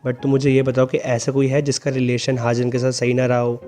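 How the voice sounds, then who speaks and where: A man reading the lines of a calm, formal police detective asking questions. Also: mid-range voice, fairly quick, faint music behind, natural voice. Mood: probing. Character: adult male police detective, calm and probing.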